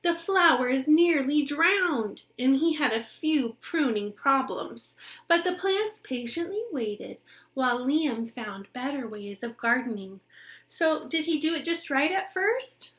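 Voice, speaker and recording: Here a teacherly woman shares a children's picture book, taking her time and reading with plenty of expression in a fairly high voice. She keeps explanations simple and keeps stopping to pose questions to the young audience.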